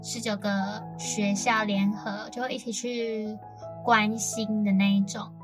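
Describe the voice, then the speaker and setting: A woman's voice: medium pitch, level tone, a little slow, over music. A young woman from Taiwan co-hosting a casual radio chat, telling stories in a chatty way with many fillers. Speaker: co-host.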